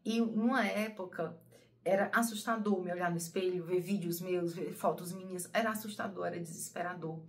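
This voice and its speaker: A woman's voice: on the low side, fairly even intonation, moderate pace, gravelly. Emotional, rambling woman talking to viewers. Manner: rambling, emotional, repeats words, addresses viewers as "gente". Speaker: spiritual channel host. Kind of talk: personal confessional monologue.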